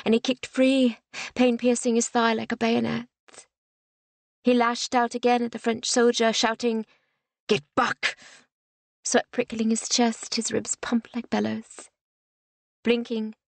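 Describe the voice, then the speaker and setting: A woman narrates a historical novel as an audiobook, her measured storytelling softening to a hush in the quiet passages. Her voice sits on the high side, with no echo.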